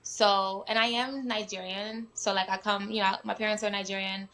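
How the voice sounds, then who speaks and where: A young woman from New York chats as a guest musician in a laid-back interview, her speech dotted with "um" and "like." Her voice is medium-pitched and her speed normal, while sirens occasionally wail in the background.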